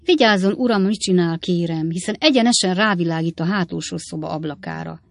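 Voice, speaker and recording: A woman's voice: on the low side, animated, no echo, clean studio sound. A woman voicing a cheeky, practical young male servant who talks urgently and bossily.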